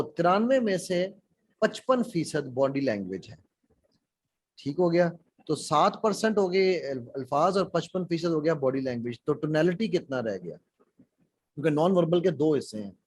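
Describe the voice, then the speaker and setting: A man's voice: a little high, expressive, normal speed, darkish tone, husky, no room sound, poor audio. A man leading an interactive speaking workshop on a call, asking the class questions and mixing in English phrases. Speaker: public speaking trainer. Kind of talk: interactive online workshop lecture.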